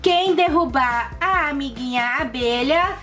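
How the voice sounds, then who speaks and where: A woman hosting a children's game channel with bright, sing-song, exclamatory delivery and playful commentary. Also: sits high, unhurried. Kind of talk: playful commentary for children while playing board games. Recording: music playing behind the voice. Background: music.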